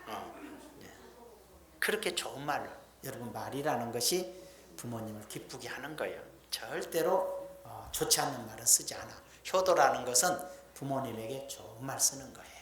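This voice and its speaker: A woman's voice: very deep voice, expressive, moderate pace. A woman preacher giving a sermon in a folksy, emphatic storytelling manner, with blunt everyday speech. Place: church sanctuary. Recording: echoey church hall.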